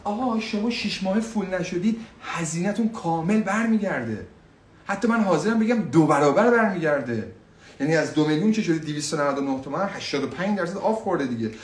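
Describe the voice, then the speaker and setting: Animated teacher. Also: male voice, a little high, roomy sound, recorded from a distance. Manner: switches between Persian explanation and slow drilled English phrases; animated, repeats phrases for learners. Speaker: English teacher. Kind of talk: live online English lesson.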